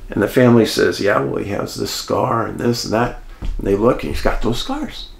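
A man hosting and telling a true-crime mystery story in an animated way, speaking straight to his listeners. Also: mid-range voice, moderate pace, creaky, echoey room, a little hiss or hum. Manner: animated, addresses listeners as folks. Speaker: host and storyteller.

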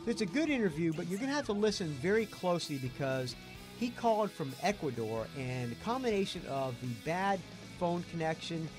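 Lively Southern man hosting over rock music. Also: high voice, a little fast. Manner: enthusiastic, rambling. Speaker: podcast host. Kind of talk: casual podcast intro and interview. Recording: rock music playing underneath.

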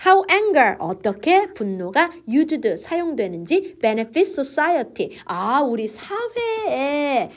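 Lively high-voiced woman teaching English. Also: very slow, few pauses. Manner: lively, switches between English and Korean explanations. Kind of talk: exam reading lecture.

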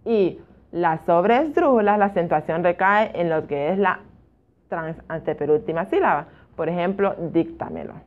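A woman teacher explaining a class slowly and methodically, listing examples one by one and correcting herself as she goes. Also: fairly low pitch. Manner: slow and methodical, gives examples, self-corrects. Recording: dull lo-fi recording.

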